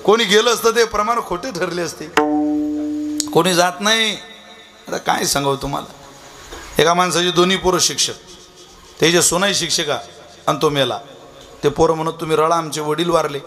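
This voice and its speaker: A man with a high, ringing voice delivers a devotional kirtan sermon. He slowly chants verse, then drifts into humorous storytelling and preachy asides. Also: pushed and bright, soft background music. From Vidarbha, Maharashtra.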